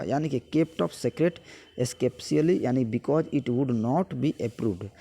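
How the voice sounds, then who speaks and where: Gravelly-voiced man teaching vocabulary. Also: mid-range voice, dark tone. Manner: explains each Hindi meaning, then reads English definitions slowly. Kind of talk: exam-prep vocabulary lesson.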